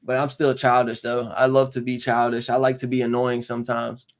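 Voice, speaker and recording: A young man in his mid-twenties talks off the cuff on a live stream. He rambles and circles back, scattering slang, fillers and asides. His voice sits at an ordinary male pitch. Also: monotone, a little fast. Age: 20s. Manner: rambling, slangy, full of fillers and "you know what I'm saying". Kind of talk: casual live-stream chat.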